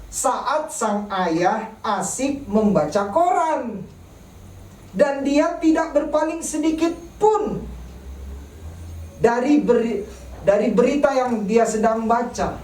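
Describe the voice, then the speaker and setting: A woman preaching a sermon in church, speaking slowly and deliberately and asking rhetorical questions of the congregation. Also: fairly high pitch, a little mellow, slight background noise. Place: church service broadcast online. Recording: echoey church room, mic at a distance.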